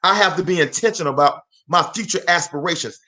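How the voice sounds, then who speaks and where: Fast, bright, and forceful, with a pitch on the high side, this voice belongs to a motivational speaker and host in his forties. He delivers a fervent live talk in a preacher's cadence, repeating phrases and calling out to viewers.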